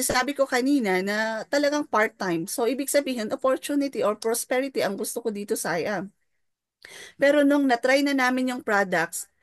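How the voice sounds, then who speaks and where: A woman's voice: fairly high pitch, no room sound, clean studio sound. A middle-aged woman with a Filipino accent sharing a personal testimony as a mentor, politely mixing English into her talk and checking in with listeners. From Philippines. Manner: mixes English into Tagalog, polite, tag questions to listeners.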